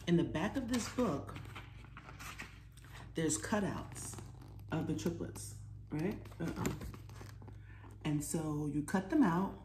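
This is an American storytime presenter in her forties, chatting casually with kids, cheering them on and posing questions. She has a lowish voice with a dark tone. The recording comes from a small living room at home, echoey and with clear background noise.

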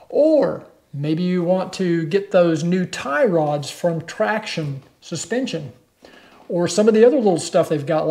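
Mellow-voiced older man vlogging from home. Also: high-pitched. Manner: plain-spoken, persuasive, conversational. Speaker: motorcycle channel host. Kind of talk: direct-to-camera vlog. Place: living room at home.

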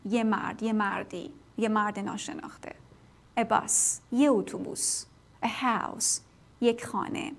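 A woman teaching English grammar in a televised lesson, explaining patiently with frequent fillers and self-corrections. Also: fairly high pitch.

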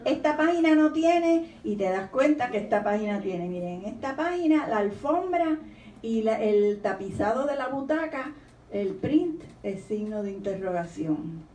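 A woman's voice: medium pitch, measured pace, slight background noise. A woman, a children's author, speaking on a panel and reading her poems aloud in a lilting storytelling tone. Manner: expressive, reads questions in a lilting storytelling tone. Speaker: children's author giving a talk. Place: university library lecture room. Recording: echoey room recording from far off.

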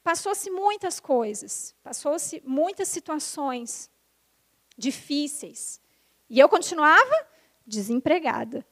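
A young adult woman sharing her personal conversion testimony, animated and emotional, acting out the voices of people in her story. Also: high-pitched, slow pace. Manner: animated storytelling, acts out quoted dialogue; emotional, intensifying at the climax.

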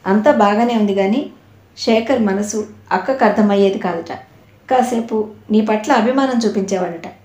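A woman's voice: mid-range voice, moderate pace, darkish tone, natural voice. A woman voicing a middle-aged aunt who speaks in an affectionate, coaxing way. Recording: roomy echo.

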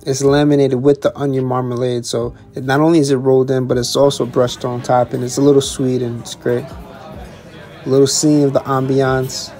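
A young man, a chef and vlogger, casually talking through a restaurant tasting menu with excited repetition and restarts. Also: mid-range voice, normal speed, soft background music. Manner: enthusiastic, repeats words, restarts.

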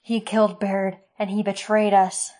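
Stunned young warrior read by a woman, slow delivery, flat even tone. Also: medium pitch, lightly acted. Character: young male warrior, grieving and enraged.

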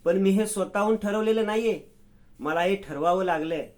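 Man doing a young wife, quiet, resigned, subdued, high voice. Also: moderate pace, close to an everyday voice.

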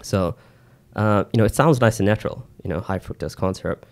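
Lower-pitched New man, casual podcaster. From New Zealand. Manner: halting, informal, peppered with "you know". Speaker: podcast co-host explaining nutrition. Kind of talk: casual explanatory chat. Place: small indoor podcast studio. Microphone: close boom-arm studio mic with headset.

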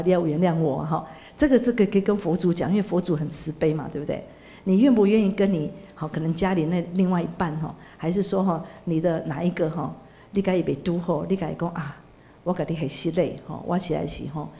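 A woman's voice: on the low side, creaky, dark tone. A woman, a Buddhist nun, giving a sermon in a storytelling way, dropping in Hokkien words and tag particles.

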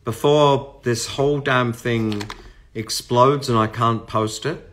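There's slight background noise as a sixties-aged Australian musician speaks at medium pitch, slow and steady, to people watching his livestream. Affectionate and meandering, he talks near a phone camera in a home room glowing with party lights as guitar music sounds loudly behind him.

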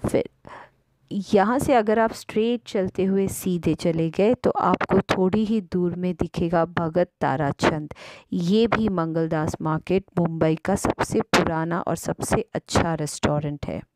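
Slow, low-voiced woman shopping vlogger. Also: a little mellow, rough recording. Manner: chatty, mixes Hindi and English, frequent "uh" fillers. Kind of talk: casual vlog narration.

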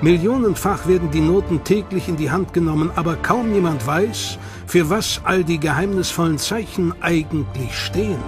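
This studio voice-over features a man whose voice is unusually high for a male, reading documentary narration at a moderate pace with dramatic, suspenseful stress, while clear music plays underneath.

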